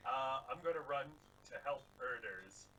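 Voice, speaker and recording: A man's voice: mid-range voice, moderate pace, crowd noise, low-quality recording. A man playing a tabletop game, talking through his moves and dice rolls. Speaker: player.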